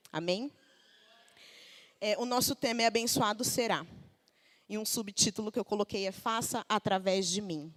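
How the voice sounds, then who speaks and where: Brazilian woman preaching conversationally. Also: mid-range voice. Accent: Brazilian Portuguese. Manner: conversational, asks the congregation questions, acts out everyday quotes. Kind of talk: sermon. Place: church service.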